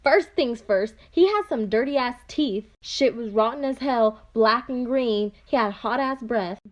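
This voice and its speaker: A young woman telling a casual story-time monologue in a dry, mocking, deadpan way. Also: a little high, unhurried, highs cut off.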